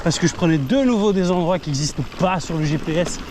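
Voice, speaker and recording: A man's voice: on the high side, fast. A man chatting to camera while riding outdoors, grumbling and swearing in exasperation as he comments on his ride. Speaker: mountain biker vlogger. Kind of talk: self-filmed ride commentary, casual chat. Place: outdoors on a trail, riding a bike. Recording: noisy outdoor ride recording.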